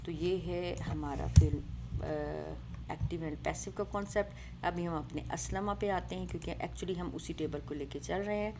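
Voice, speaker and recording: Lower-voiced woman teaching grammar. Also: creaky, background noise. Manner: explains patiently, mixing English words, asks "right?" often. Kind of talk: online grammar lesson.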